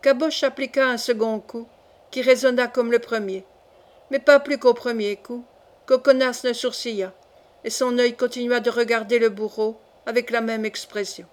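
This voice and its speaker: A woman narrating a classic novel audiobook in a measured, expressive way. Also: fairly high pitch.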